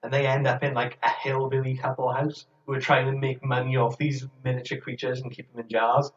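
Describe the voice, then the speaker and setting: A man's voice: mid-range voice, level tone, brisk. A man co-hosting a podcast, chatting casually and rambling with hesitant restarts. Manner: rambling, hesitant, laughs often. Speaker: podcast co-host. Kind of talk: casual chat. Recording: roomy, distant, dull lo-fi sound.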